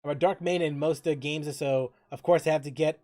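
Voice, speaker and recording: Over background music, this gaming livestreamer talks a little fast in a mid-range voice, animated and joking, with some mild profanity. He reads chat aloud and comments on the gameplay, and the studio-quality audio has no echo.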